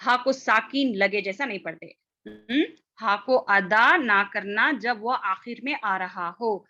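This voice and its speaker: A woman's voice: mid-range voice, bright, forceful tone, lo-fi sound. A woman teaching a class on Quran recitation, explaining step by step, demonstrating letter sounds and often checking that her students follow. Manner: explains step by step, checks understanding with repeated "theek hai" and "hm?". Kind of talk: online class lesson.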